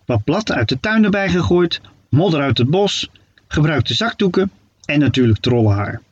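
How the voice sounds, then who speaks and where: A male storyteller reading a children's tale with a lively, playful lilt. His voice is husky and somewhat high, and it comes across dull and muffled. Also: normal speed. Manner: playful, expressive storybook narration.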